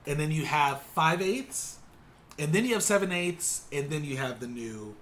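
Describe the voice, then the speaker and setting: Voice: mid-range voice, lively intonation, normal speed, fairly bright tone, slight background noise. A vlog host chatting casually to the camera, giggly, with hesitant, rambling explanations. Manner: giggly, laughs while talking.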